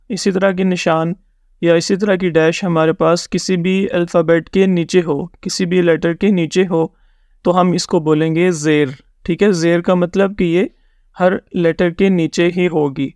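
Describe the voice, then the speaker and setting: High-voiced, patient male teacher. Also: flat delivery, a little mellow, no echo, clean studio sound. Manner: patient, repeats each point and checks in often; mixes English words into his teaching. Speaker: Quran reading teacher. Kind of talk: step-by-step recorded lesson.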